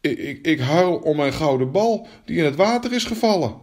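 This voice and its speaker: A man's voice: a little high, expressive, moderate pace, darkish tone, voice pushed up. A man voicing a spoiled, fearful young princess in a fairy tale, stammering and whiny. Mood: flustered.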